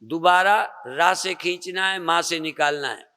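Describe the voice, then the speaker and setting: An older Indian man, a spiritual teacher, slowly guiding a group through meditation and breathing with soft repeated coaching. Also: a little high, clear, resonant tone. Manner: slow, repetitive soft coaching with pauses. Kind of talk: guided meditation and breathing instruction. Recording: long reverb of a hall.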